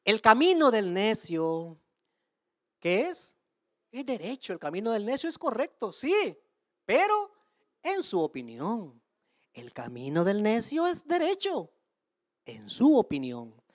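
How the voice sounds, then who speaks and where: A woman's voice: mid-range voice, huge pitch swings, measured pace, no echo, studio quality. A woman preaching a sermon, emphatic, asking the listeners rhetorical questions and calling them brothers and sisters. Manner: addresses the audience as brothers and sisters; streams to listeners online.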